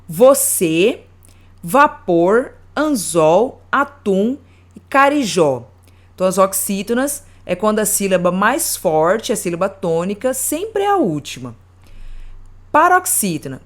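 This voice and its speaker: Woman teacher, mid-pitched voice, slow and deliberate grammar lesson with examples read word by word.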